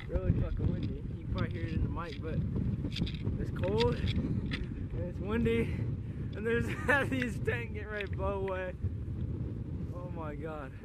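On a gusty mountain, partly sheltered in a tent, a young adult male vlogger chats casually with plenty of slang and swearing into a handheld camera at arm's length. His voice sits high with lively intonation, a moderate pace and long pauses, over noisy, wind-blown sound.

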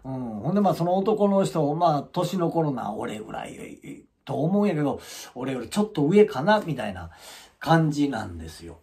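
A man's voice: a little high, normal speed. A middle-aged man telling a story casually as a channel host, acting out the people in it. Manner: animated, acts out quoted voices.

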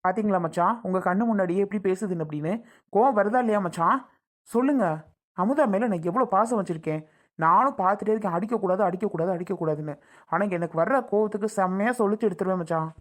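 A woman playing an exasperated husband who pleads with his brother-in-law and shouts at his wife in a family skit. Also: mid-range voice, quick pace, natural voice. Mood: exasperated angry.

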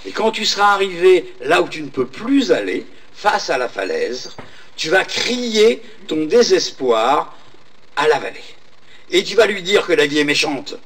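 A man voicing an imperturbable old wizard who gives quiet, low, unhurried commands. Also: very animated, slightly rough, far from the mic, heavily acted, rough recording. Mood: calm commanding.

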